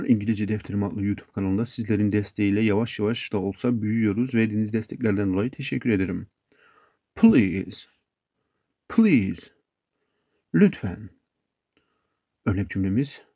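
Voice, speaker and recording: A man with a gravelly, husky voice gives an English lesson. He talks slowly and on purpose and says each example phrase twice. The sound is dry and close, with a dark, mellow tone. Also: on the low side, dry recording. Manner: slow, deliberate, repeats example sentences. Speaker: English teacher, channel host.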